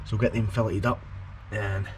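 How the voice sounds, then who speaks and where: A young man with a New Zealand accent, casually talking through cooking in his home kitchen, relaxed and chatty, repeating words as he explains. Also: on the low side, moderate pace. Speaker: vlogger. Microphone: action camera. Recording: noisy home video with background hum.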